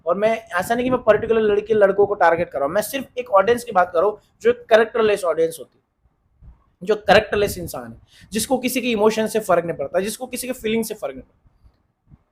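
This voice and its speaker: A man talks fast and keeps going, giving relationship advice in an earnest, insistent way. He circles back over the same points again and again. His voice sits high, and there is a faint hiss of noise behind him. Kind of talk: casual advice monologue.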